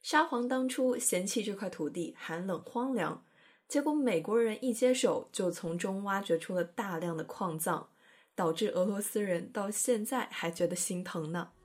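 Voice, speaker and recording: A woman's voice: medium pitch, moderate pace, a little mellow. Chatty woman hosting a language lesson. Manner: chatty, playful explaining with careful pronunciation demos. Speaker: host of an English-learning program. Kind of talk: educational podcast narration.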